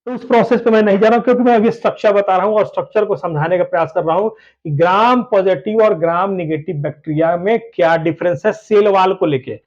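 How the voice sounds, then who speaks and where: ऊँची आवाज़ वाला दोहराकर समझाता पुरुष शिक्षक. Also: male voice, sits high. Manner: repetitive, calls students "babu", urges them to listen closely. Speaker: biology teacher. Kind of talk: explaining a lesson at a whiteboard. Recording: dull lo-fi recording.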